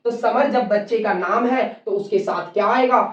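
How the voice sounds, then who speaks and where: A man's voice: sits high, moderate pace. A man teaching English grammar at a classroom board, spelling words out letter by letter and calling his students children. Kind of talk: classroom lesson on a whiteboard. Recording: distant, roomy and dull-sounding classroom recording.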